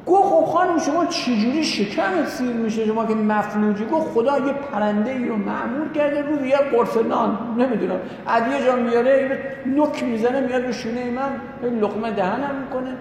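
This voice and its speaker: A man's voice: very high-pitched, vocal fry, hardly any pauses. Man giving a sermon, acts out the people in his story, very roomy sound, faint hiss behind. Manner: animated storyteller voicing quoted characters. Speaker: preacher. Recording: echoey hall with long reverb, faint noise.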